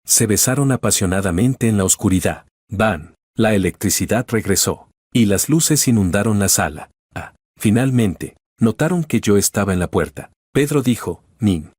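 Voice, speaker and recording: A man with a fairly low, husky voice reads a first-person story aloud in calm, even scripted narration. The sound is dry and close, with no room around it. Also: moderate pace, hardly any pauses, no room sound.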